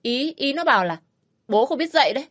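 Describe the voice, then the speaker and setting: A woman's voice: sits high, big pitch swings, a little fast, a bit bright, pitched above the performer's own voice, exaggerated voice. A woman voicing a spiteful, bullying sister-in-law who sneers and hurls insults. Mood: spiteful yelling.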